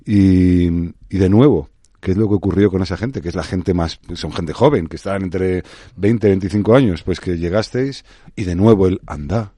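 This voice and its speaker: Deep, dark-voiced man in his sixties. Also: moderate pace, husky, no room sound. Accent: Spain Spanish. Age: 60s. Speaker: guest, advertising expert. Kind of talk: radio interview. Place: radio studio.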